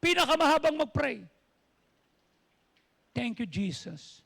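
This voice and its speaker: A man's voice: very high voice, very animated, slow pace, creaky, fairly bright tone. A man preaching a sermon as pastor, telling stories and acting out what people said, slipping English phrases into his talk. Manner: storytelling preacher, quoting people in voices. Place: church.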